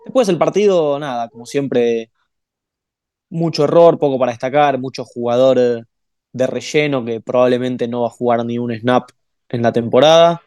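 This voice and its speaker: A man's voice: mid-range voice, moderate pace, a little mellow, smooth, dry recording. Man, co-host, offhand sports talk, dead dry sound. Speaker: podcast co-host. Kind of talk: casual sports analysis.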